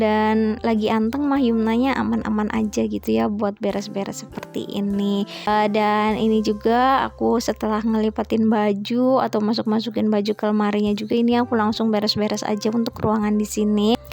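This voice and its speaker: Chatty young woman, gravelly and monotone. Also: on the high side, normal speed, faint music behind. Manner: chatty, many filler tags, confiding. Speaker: homemaker vlogger. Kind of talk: casual voice-over vlog narration.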